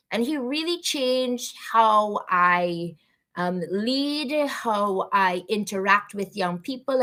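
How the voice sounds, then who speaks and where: This woman's voice is mid-range and creaky, with a fairly bright tone. She's a Canadian guest in a conversational podcast interview, reflecting earnestly and frequently using fillers and restarts.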